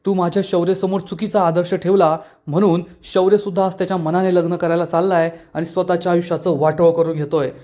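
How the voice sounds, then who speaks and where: A man's voice: on the high side, moderate pace, hardly any pauses, mellow, natural voice. A man reading out the lines of a furious, despairing middle-aged mother, scolding bitterly.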